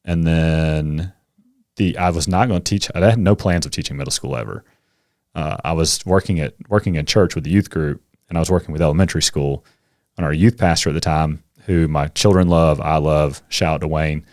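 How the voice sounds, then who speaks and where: A middle-aged man, a coach and teacher, chatting as a podcast guest and telling animated stories. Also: very deep voice, brisk, no room sound, clean studio sound. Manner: animated storyteller, acts out kids' voices. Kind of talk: casual interview conversation.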